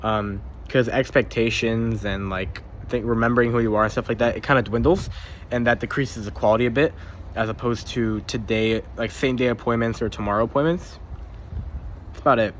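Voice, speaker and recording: Young man, casual vlog journal, mid-pitched, rambles and stumbles, curses freely; faint noise behind. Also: steady tone, a little fast. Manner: rambling, swears casually, often repeats and trips over words. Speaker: vlogger keeping a spoken journal.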